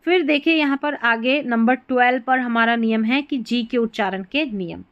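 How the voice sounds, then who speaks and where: A woman teaching a spoken lesson, patiently repeating words and spelling out letters slowly. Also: on the high side, dry recording, muffled recording. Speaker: English teacher.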